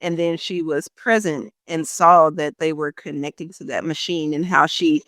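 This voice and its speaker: A man's voice: fairly high pitch, fairly even intonation, normal speed, fairly bright tone, dry recording, clean studio sound. A man on a podcast, earnestly and thoughtfully recounting a scene in casual discussion. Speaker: podcast co-host.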